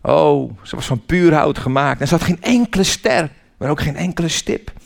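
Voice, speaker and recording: A man reading a children's story aloud in an expressive, animated way. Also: on the high side, normal speed, vocal fry.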